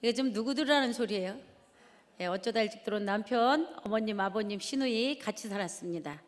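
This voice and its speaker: Speaking fast in a mid-range voice, a middle-aged woman from Jeonju, South Korea, delivers a storytelling testimony sermon in a large church hall. She animatedly asks the audience questions and acts out shouting at her children, and the recording carries the reverberation of the big hall.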